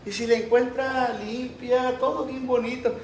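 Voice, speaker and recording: A man's voice: very high voice, flat delivery, a little slow, a little hiss or hum. A pastor preaching a sermon with passion, acting out the voices he quotes. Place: church. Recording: roomy echo.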